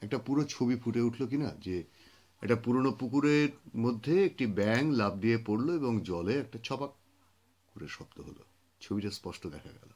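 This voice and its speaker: Male poetry reader, mid-pitched, unhurried reflective storyteller who pauses to think. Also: lively intonation, darkish tone. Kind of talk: reflective spoken commentary on poetry.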